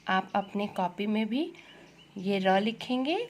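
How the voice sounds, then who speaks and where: A woman teaching Hindi grammar to young children, slowly repeating words and asking questions to the class. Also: medium pitch, slight background noise. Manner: slow, repeats words and asks questions to the pupils.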